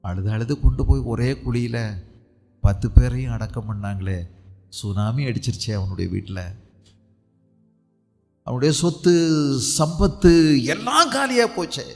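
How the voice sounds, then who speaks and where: A male pastor preaching a sermon with a Tamil Nadu accent, asking rhetorical questions and swinging between loud and soft. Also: a little slow, vocal fry, pauses often. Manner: animated, rhetorical questions, dramatic swings in pitch and loudness. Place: church prayer hall. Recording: long hall reverb with faint music.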